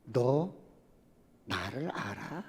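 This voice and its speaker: Male preacher doing God: a grave, searching deity, slow and low, hall reverb. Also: big pitch swings, slightly rough, exaggerated voice. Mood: solemn.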